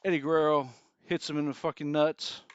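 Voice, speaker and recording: Chill podcast guy narrating a made-up match, smooth voice, kinda lo-fi. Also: a little high, flat delivery, a little fast, dry recording. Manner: storytelling, acts out wrestler quotes. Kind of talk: casual chat. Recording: slightly dull lo-fi sound.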